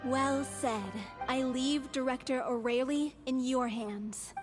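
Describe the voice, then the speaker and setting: A woman's voice: high voice, steady tone, slow pace. A woman voicing a polite, earnest young member of a theatre troupe in a video game, formal and courteous. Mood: grateful. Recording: background music under game dialogue.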